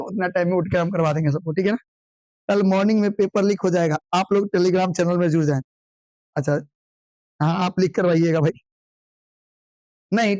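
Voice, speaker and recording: A man teaching an online exam revision class, firing quick questions and answering them himself, sometimes scolding. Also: sits high, darkish tone, no echo, low-quality recording. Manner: drilling call-and-response questions, brisk and scolding.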